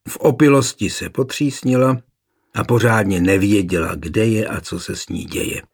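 A man narrating a historical novel in an expressive storytelling way. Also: lowish voice, slightly rough. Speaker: audiobook narrator.

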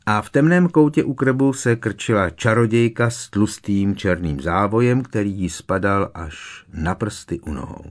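A man narrating a fantasy novel as an audiobook in a steady, measured storytelling manner. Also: lowish voice. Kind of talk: scripted narration.

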